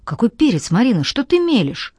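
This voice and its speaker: A woman voicing a tired, hungover young man who mumbles sleepy excuses in a lowered voice, in an audiobook. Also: sing-song, brisk, a little mellow, husky, dry recording, studio quality. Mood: irritated.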